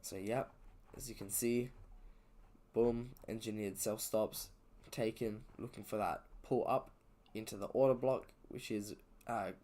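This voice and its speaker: A man with a fairly low voice talks through his trading chart live from home. He thinks out loud, loose and unhurried, with fillers and self-corrections. He sounds a little sleepy. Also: fairly even intonation. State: sleepy, yawning. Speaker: trader streaming his session. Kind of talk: casual live trading commentary. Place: indoors at home.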